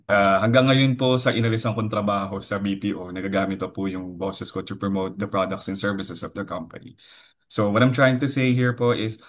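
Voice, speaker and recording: A man in his thirties from the Philippines shares a devotional testimony in a deep, low baritone. He speaks earnestly and politely, pausing often on fillers as he recalls his story. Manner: earnest, mixes English into his talk, frequent fillers and "po". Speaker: lay preacher giving a testimony.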